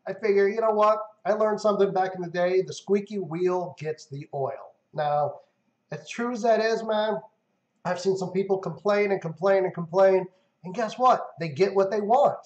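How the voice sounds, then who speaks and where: A man's voice: high-pitched, moderate pace, darkish tone. A man hosting a live gaming stream, talking in a rambling, chatty way with lots of fillers. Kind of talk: casual gaming chat. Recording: roomy, dull lo-fi stream audio.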